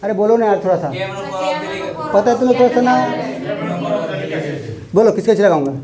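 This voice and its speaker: A man teaching chemistry in a classroom, quizzing his students call-and-response questions in an animated way. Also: high-pitched, a little fast, a loud crowd. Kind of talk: classroom lecture.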